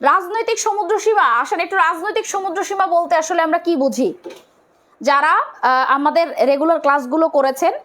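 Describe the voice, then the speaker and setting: High-voiced Bangladeshi woman teaching. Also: normal speed, fairly bright tone. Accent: Bangladeshi Bengali. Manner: explains step by step, asks and answers own questions; colloquial, urges viewers to comment. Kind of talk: online exam-prep lecture.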